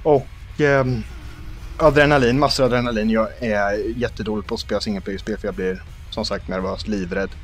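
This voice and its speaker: A young Swedish man hosting a let's play, joking about himself and yelling in panic at enemies. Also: on the low side, steady tone, faint music behind. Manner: jumpy, self-mocking, shouts in panic at enemies. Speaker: gaming channel host.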